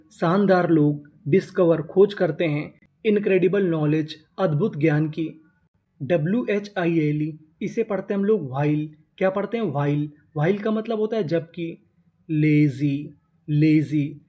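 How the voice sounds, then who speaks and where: A man teaching English reading, spelling words out letter by letter, asking questions and answering them himself, stretching each model word slowly. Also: high-pitched, warm tone. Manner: slow drawn-out model pronunciations.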